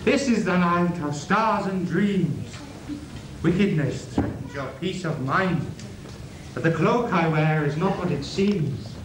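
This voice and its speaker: A man's voice: fairly high pitch, takes it slowly. Man as grand dream spirit, echoey hall. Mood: grand, incantatory. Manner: declamatory, theatrical. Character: Dream Angus, grandly rhyming, wry dream spirit. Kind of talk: community pantomime stage acting. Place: on stage in a school hall. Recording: noisy, echoey 1980s school hall video.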